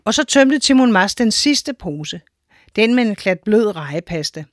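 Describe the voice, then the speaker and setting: A woman's voice: mid-range voice, animated, no room sound, studio quality. Woman reading a children's story. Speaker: narrator.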